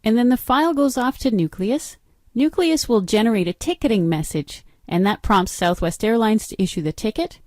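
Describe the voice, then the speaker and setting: With a slightly high, a little mellow voice at a moderate pace, a middle-aged software trainer explains each step of a screen-recorded walkthrough. Her delivery is matter-of-fact and instructional, and the recording is dry with clean studio sound.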